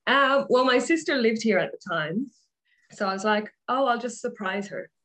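A woman's voice: fairly high pitch, lively intonation, moderate pace, fairly bright tone, poor audio. A woman in her thirties with an Irish accent, a guest on a casual podcast, who talks candidly, mocks herself and laughs often. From Ireland. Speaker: guest life coach.

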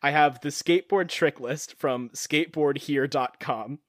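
A man with a slightly high voice co-hosts a loose comedy podcast. He rambles through tangents, stacking up fillers and chuckling at his own bits. The sound is dry and close. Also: measured pace, no echo. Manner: rambling, many fillers, laughs at own jokes. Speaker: podcast co-host. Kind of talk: casual comedic chat.

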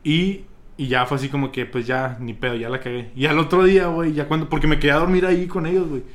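A young man with a Mexican accent, telling friends a story in a casual, slang-heavy, animated way. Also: fairly high pitch, fast. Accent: Mexican Spanish. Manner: vulgar slang-heavy, animated retelling with laughs.

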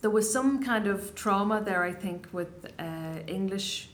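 Slight background noise accompanies this medium-pitched, measured voice. She is a poet in her thirties from the Donegal Gaeltacht in Ireland, and as an interview guest she responds with care and hesitation, frequently starting over, in a Donegal Irish accent.

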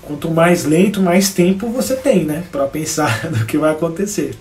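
A Brazilian man talks casually through a live guitar lesson and greets viewers by name between chords. His voice is mellow and sits a bit high. The room is echoey, with guitar playing under his talk. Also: expressive, moderate pace. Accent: Brazilian Portuguese. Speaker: guitar teacher.

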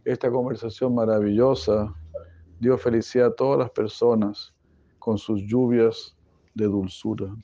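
A man's voice: lowish voice, steady tone, a little slow, dark tone, no room sound, highs cut off. A man retelling a devotional story in class, digressive and joking, often correcting himself.

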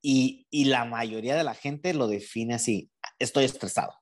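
A man's voice: mid-range voice, unhurried. A man talking through feelings in a casual conversation, thoughtful and explanatory. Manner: reflective, explanatory, voices imagined speech.

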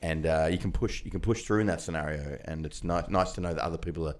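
Deep aussie host guy, jokey, chatting with mates on a podcast. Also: quick pace. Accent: Australian. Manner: joking, matey banter. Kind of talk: casual podcast chat.

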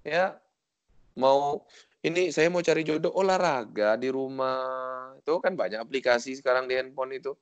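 A man's voice: mid-range voice, moderate pace, clean tone. A man from Sumatra giving a casual religious lecture. He jokes and acts out the voices he quotes. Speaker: Islamic preacher.

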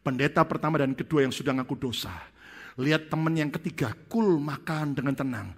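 A man's voice: a little high, brisk. A male preacher telling a comic story during a sermon and speaking directly to the congregation. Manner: lively storytelling that addresses the congregation. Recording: long reverb of a large hall.

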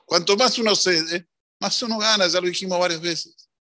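Animated Argentine man telling a sermon parable. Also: high voice, normal speed, no room sound, studio quality. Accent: Argentine Spanish. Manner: animated, swings between voices. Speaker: religious teacher. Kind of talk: storytelling sermon.

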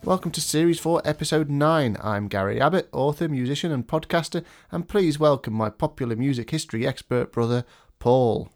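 A podcast host with a slightly high, somewhat mellow male voice talks fairly quickly with lively intonation and hardly any pauses, his nose blocked by a cold. He's chatty and self-deprecating, moving from a scripted intro into casual chat.

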